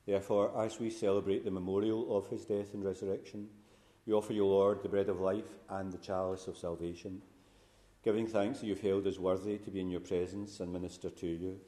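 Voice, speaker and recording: Low-voiced priest reciting solemn prayers. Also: male voice, flat delivery, a little fast, warm tone. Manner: solemn, formal. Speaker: priest celebrating a funeral Mass. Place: church.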